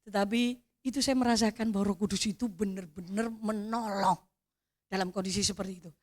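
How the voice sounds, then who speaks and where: A middle-aged woman with a Javanese accent giving an animated sermon testimony, calling out to the congregation and swelling to near-shouts. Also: mid-range voice, fairly quick. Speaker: preacher.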